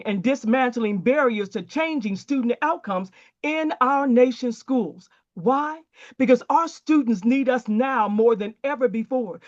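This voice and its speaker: A woman's voice: on the high side, a little mellow, muffled recording. A woman hosting an education podcast, speaking with fervent, preacher-like emphasis and exclamations. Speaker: podcast host.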